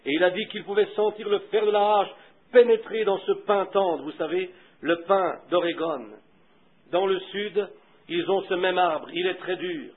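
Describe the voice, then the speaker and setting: A high-pitched man delivers a fervent sermon, shifting from hushed storytelling to loud, impassioned appeals. The old recording sounds thin and tinny, like it is coming over a phone line.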